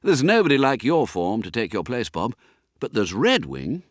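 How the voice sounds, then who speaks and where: A man voicing a worried schoolboy football captain, brisk and exasperated. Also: mid-range voice, huge pitch swings, no echo, studio quality.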